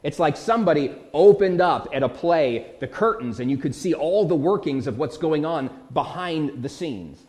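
A man preaching a sermon, reading old scripture verses and then retelling them in lively everyday words. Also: a little high, moderate pace, hardly any pauses.

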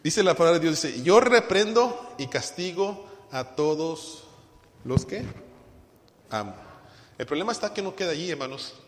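Pastor guy, fairly high voice, preaching in a church hall with a long echo. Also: lively intonation, moderate pace, long pauses. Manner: swings from loud emphatic to soft and quiet; asks the congregation questions. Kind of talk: sermon.

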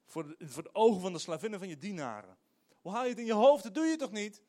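He talks fast in a high-sitting voice, a middle-aged pastor preaching animatedly and emphatically while frequently stumbling into hesitations.

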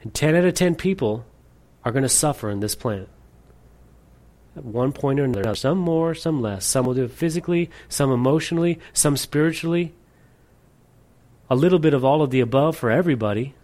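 Guy preaching a sermon, earnest, medium pitch, gets loud then drops to near whispers. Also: expressive, fairly quick. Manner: earnest, shifts between emphatic and hushed. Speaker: pastor.

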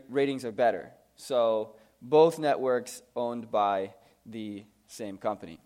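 An American man with a hoarse, strained voice, worn out from screaming, gives a conversational sermon in an informal, joking, self-deprecating manner. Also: mid-range voice, darkish tone. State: hoarse from screaming the night before. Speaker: preacher.

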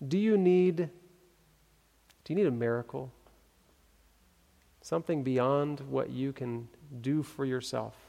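A man preaching a sermon, reading scripture and telling a story in an earnest, building way with pauses for emphasis. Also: mid-range voice, vocal fry, mellow. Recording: long hall reverb.

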